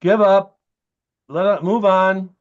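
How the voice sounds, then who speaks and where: A man's voice: high voice, steady tone, takes it slowly. Man's voice echoing over a call. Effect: voice echoing back over the call line. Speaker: public commenter. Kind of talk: public comment over a video call. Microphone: computer or headset on a video call. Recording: dull echoing video-call line.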